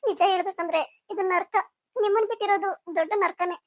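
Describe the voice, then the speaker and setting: A woman's voice: extremely high pitch, fast, dry recording. A woman voicing a young female student and wife in a cartoon, talking in an earnest, polite, reproachful way. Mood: hurt. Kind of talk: cartoon voice acting.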